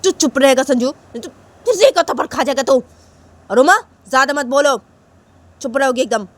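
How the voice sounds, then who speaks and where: A woman's voice: sits high, a little fast, voice pushed up, lightly acted. A woman voicing a strict, threatening mother who scolds and gives orders. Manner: scolding, commanding.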